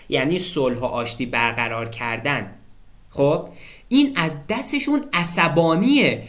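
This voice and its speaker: A man in his twenties tutoring for an English exam in an animated way. He often checks in with students and slows down to spell out English phrases. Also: fairly high pitch. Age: 20s. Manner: animated, keeps checking in with "okay?" and addresses students as kids. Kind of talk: exam-prep lesson walkthrough.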